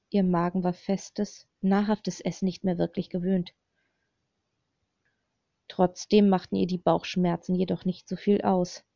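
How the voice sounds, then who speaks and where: This audiobook narrator, a woman with a fairly low voice, reads a dark thriller from a script. She keeps her reading steady and even on a dry, slightly dull recording.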